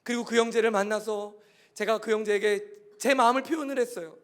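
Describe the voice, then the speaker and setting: A man's voice: sits high, fairly even intonation, fairly quick, a bit bright, smooth. A male pastor telling a story in a sermon, earnest and growing impassioned and pleading.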